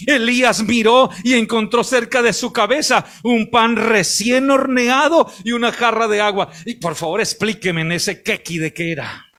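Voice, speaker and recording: Very high-voiced, bright male preacher. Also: fairly even intonation, normal speed. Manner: emphatic preaching, bursts into shouts, chuckles at the audience. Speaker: missionary preacher. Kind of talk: sermon.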